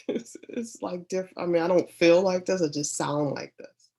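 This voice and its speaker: A woman's voice: lowish voice, measured pace, mellow. A woman with a congested, stuffy-sounding voice, chatting casually in a lax, hesitant, trailing way. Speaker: sewing group member showing her projects. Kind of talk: casual chat.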